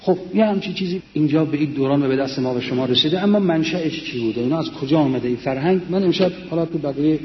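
A man's voice: on the high side, hardly any pauses, slight background noise. Older man telling war memories, echoey hall. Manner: earnest storytelling, quoting comrades. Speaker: war veteran speaker. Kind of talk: memoir talk to a mosque audience. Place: large mosque hall. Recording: echoey, dull lo-fi hall recording.

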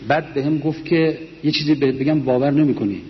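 A man's voice: a little high, steady tone. Older man telling war memories, echoey hall. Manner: earnest storytelling, quoting comrades. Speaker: war veteran speaker. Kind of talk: memoir talk to a mosque audience. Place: large mosque hall. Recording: echoey, dull lo-fi hall recording.

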